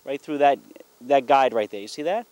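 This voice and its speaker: With a mid-range, slightly mellow voice at a moderate pace and no echo, a middle-aged dad hosts his hunting and fishing show. Folksy and encouraging in a barbecue-dad way, he casually explains things to family and camera.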